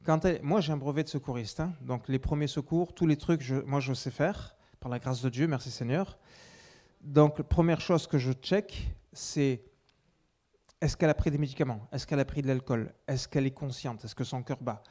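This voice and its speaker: A male preacher recounts a personal testimony to his congregation in a mellow, dark voice. He often restarts his phrases, and his volume rises for emphasis before dropping to quiet asides. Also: medium pitch, moderate pace. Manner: storytelling with many restarts, swings between loud and hushed.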